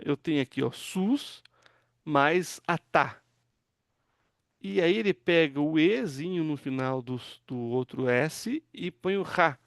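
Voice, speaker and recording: A pastor teaching an online Hebrew class, patiently walking students through word forms and asking them to read aloud. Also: male voice, fairly high pitch, vocal fry, no echo, studio quality. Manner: patient, explains step by step, asks students to read.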